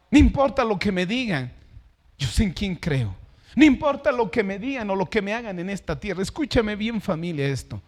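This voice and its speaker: Guy preaching, high voice, slows way down on the big words, gets loud then drops to almost nothing. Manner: emphatic preaching, slowing to stress words; swings between loud declarations and hushed asides. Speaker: pastor. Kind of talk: sermon.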